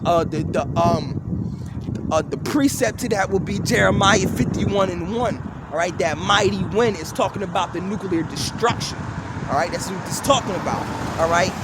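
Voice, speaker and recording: A man's voice: sits high, very noisy. A man preaching scripture outdoors in a fervent, emphatic way, constantly checking in with "all right?" and "man". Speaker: street preacher. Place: outdoors by a street.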